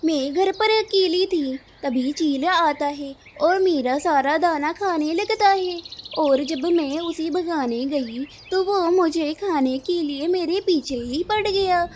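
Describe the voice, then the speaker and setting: A woman's voice: extremely high pitch, slow, a little mellow, a little hiss or hum. A woman voicing a grumpy, nagging female crow in a cartoon, scolding and complaining. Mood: panicked.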